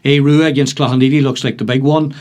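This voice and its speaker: Donegal accent guy hosting a sports podcast, chatting thru results and fixtures, mid pitched voice. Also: level tone, quick pace, darkish tone. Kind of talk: casual sports discussion and fixture rundown.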